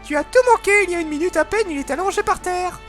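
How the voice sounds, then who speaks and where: A man doing a sweet young girl, high and pleading. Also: fast, fairly bright tone, faint music behind.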